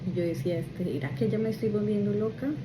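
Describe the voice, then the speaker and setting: A middle-aged woman, a grief coach softly and reflectively telling her personal story. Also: medium pitch, fast talker, noisy background. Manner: soft, reflective, heartfelt.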